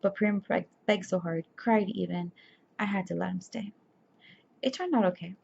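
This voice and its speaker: A sleepy, tired young woman speaks softly in a gravelly, breathy voice of medium pitch at normal speed. She's an ASMR creator chatting and reading aloud, stumbling and correcting herself as she reads. Her webcam picks it up as dull lo-fi audio with faint hiss.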